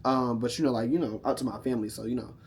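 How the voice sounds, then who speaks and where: A man's voice: mid-range voice, fairly even intonation, racing, a little hiss or hum. A tipsy man telling a casual, profane story to camera, sassy and rambling, often losing his thread. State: drunk, tipsy.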